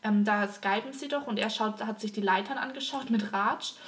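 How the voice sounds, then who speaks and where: A woman's voice: mid-range voice, moderate pace, a bit bright, distant mic, slight background noise. A young woman co-hosting a podcast, chatting casually and gushing as she retells TV scenes with lots of fillers. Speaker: podcast co-host. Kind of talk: casual chat about a TV series.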